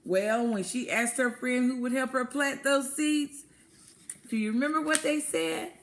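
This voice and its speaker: A teacher reads a picture book aloud to young children in an interactive lesson, asking questions, pausing, then affirming their answers and explaining words simply. Her voice sits high and sounds animated.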